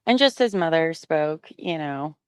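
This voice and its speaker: A woman's voice: sits low, lively intonation, unhurried, smooth, no room sound. A woman co-hosting a casual chat, thinking aloud with frequent fillers. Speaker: co-host.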